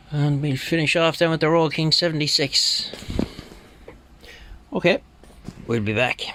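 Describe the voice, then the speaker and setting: This man is a hobbyist fixing up a radio, narrating the job in a casual, halting way and occasionally muttering under his breath. His voice is mid-range and a bit bright, and he never rushes.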